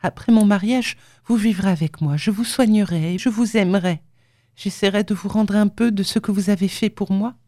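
A woman voicing a soft, emotional young woman full of pity in an audiobook. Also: medium pitch, moderate pace, dry recording, studio quality, voice pushed up, lightly acted. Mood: tender. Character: tender, tearful young woman.

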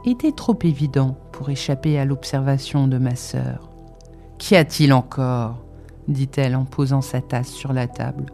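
A reader giving measured, even scripted narration of a novel in an audiobook. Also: medium pitch. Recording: faint background music.

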